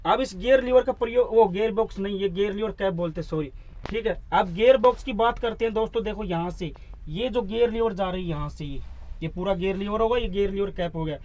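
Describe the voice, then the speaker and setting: A man's voice: high-pitched, brisk, a little mellow, lo-fi sound. A man acting as a driving instructor, giving a hands-on demonstration inside a truck cab, explaining each part step by step and repeating the terms for his viewers.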